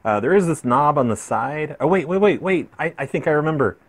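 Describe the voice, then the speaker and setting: A vlogger opens his fan mail in a casual unboxing chat, his voice a little high, animated and brisk. He rambles, restarts often, and is easily amused.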